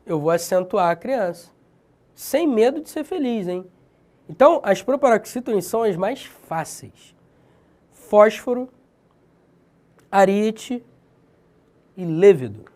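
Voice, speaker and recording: A man's voice: sits high, expressive, measured pace, a little mellow. A man with a Brazilian accent giving a casual exam-prep lesson, slangy and emphatic, often checking in with the viewer. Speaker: Portuguese teacher for civil-service exams.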